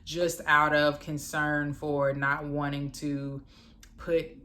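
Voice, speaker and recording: Bright, playful woman. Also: sits low, slow pace, slight background noise. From Dallas, Texas, USA. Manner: playful and animated, slips into quoted voices and laughs. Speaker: vlogger. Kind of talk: casual vlog chat.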